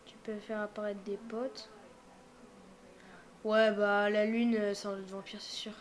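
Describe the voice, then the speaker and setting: A young woman casually reacting out loud to a game showcase, thinking aloud with many fillers and now and then dropping to a whisper. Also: mid-range voice, little pitch movement, unhurried, slight background noise. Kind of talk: casual live reaction commentary.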